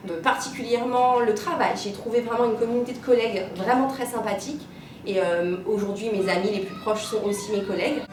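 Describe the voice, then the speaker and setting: A maths teacher from Martinique answers interview questions casually, telling stories in a chatty way and pausing often on "euh." The recording sounds roomy, with a distant mic and rumbling noise.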